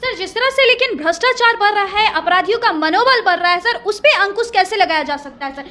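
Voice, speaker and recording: High bright woman reporter. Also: animated. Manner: rapid pressing questions, polite address. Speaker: news reporter and interviewer. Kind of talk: news report and interview questions.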